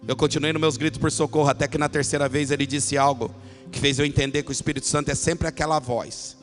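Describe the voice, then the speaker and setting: A man preaching a sermon as pastor, telling a personal story and building from quiet narration to shouted, passionate climaxes. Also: fairly high pitch, level tone, fast talker, faint music behind.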